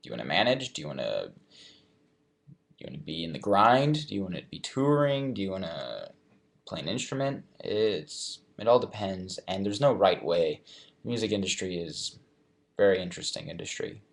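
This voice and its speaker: A man's voice: low-pitched, normal speed, vocal fry. Laid-back young man answering fan questions. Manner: relaxed, thoughtful, reading questions aloud then answering. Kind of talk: casual live chat.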